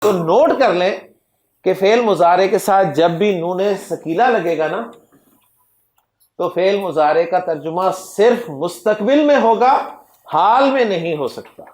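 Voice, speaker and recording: A man teaching Arabic grammar in a classroom lecture. He drills word forms slowly and keeps quizzing his students. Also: high-pitched, a little mellow. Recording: echoey classroom recording.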